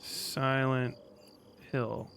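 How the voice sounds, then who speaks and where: Speaking very slowly in a level, creaky, slightly bright mid-range voice, a man in his thirties rambles through a casual livestream, cursing freely as he comments. A little hiss or hum sits under the audio.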